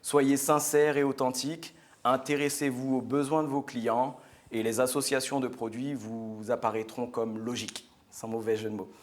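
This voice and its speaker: Man, mid pitch, earnest chatty studio guest, restarts often. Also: level tone, moderate pace. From French Guiana. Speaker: guest speaker. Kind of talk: product presentation on a live show.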